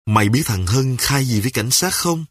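A man's voice: mid-range voice, expressive, normal speed, breathy edge, dry recording, studio quality. A man voicing an irritable, scornful gang member. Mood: irritated.

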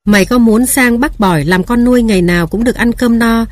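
A woman's voice: fairly high pitch, a little fast, no room sound, natural voice. A woman reading aloud voices a blunt, scheming aunt who talks in curt, scolding phrases. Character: blunt scheming hungry aunt, sharp-tongued.

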